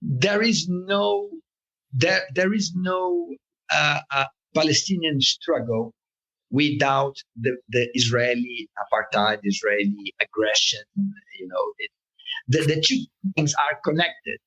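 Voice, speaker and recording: A man with a Brazilian Portuguese accent speaks as an interview guest, talking haltingly, with many fillers and restarts. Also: a little high, bright, forceful tone, poor audio. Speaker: political cartoonist, guest. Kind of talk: interview conversation.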